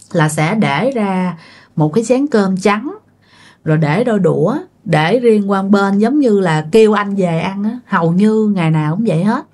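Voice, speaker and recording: A woman telling a ghost story in a casual, chatty way, often speaking straight to her listeners. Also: mid-range voice. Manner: chatty, addresses listeners directly.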